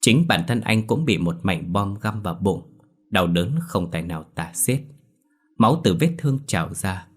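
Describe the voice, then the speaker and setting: A man with a deep, husky voice narrates a ghost story. He reads in a grave, steady way. The low, breathy tone suits the tale's dark mood.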